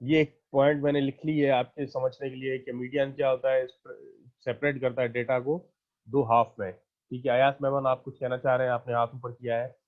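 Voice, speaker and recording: A man's voice: mid-range voice, level tone, moderate pace, narrow, tinny audio. Patient male teacher counting aloud. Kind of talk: online math lecture.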